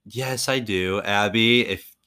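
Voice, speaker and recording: A man in his early twenties co-hosting a sports podcast, relaxed casual chat with frequent laughs. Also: fairly low pitch, slow pace. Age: 20s. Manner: relaxed, laughs often, trails off. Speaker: podcast co-host.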